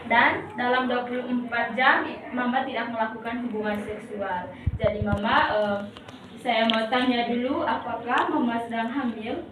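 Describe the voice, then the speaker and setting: Echoey, higher-voiced woman, polite customer-service manner. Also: fairly even intonation, moderate pace. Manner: polite, formal customer-service way of addressing the patient. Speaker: midwife demonstrating a patient examination. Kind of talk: rehearsed clinical demonstration, explaining procedure step by step. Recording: echoey room, distant mic, clear background noise.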